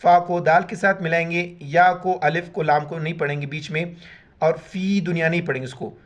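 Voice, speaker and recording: A man teaching Quran recitation, chanting words letter by letter in slow drawn-out syllables and explaining each rule in quick plain speech. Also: fairly high pitch, steady tone. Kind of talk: spelled-out recitation lesson.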